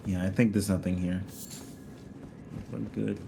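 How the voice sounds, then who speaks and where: A man streaming a co-op game chats casually, telling a rambling story stuffed with "like" and "um." His voice is low, gravelly, and steady, a little slow, against a noisy background.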